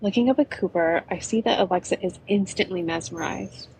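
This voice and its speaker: A woman's voice: on the low side, a little fast, darkish tone, husky, poor audio. A woman narrating an adventure story in a chatty, conversational way. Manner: chatty, with frequent "you know".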